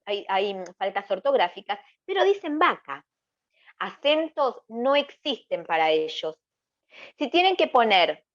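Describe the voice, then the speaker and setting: A woman presenting an educational webinar. She asks questions aloud and answers them herself, checking in with her listeners as she explains. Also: fairly high pitch. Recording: dull lo-fi webinar audio.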